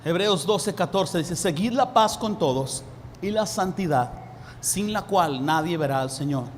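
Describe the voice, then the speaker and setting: Man, pastor preaching, lively acted dialogues, long hall echo. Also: high-pitched, a little slow. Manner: acts out lively dialogues with raised voice. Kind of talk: sermon. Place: church hall. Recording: reverberant hall, faint room noise.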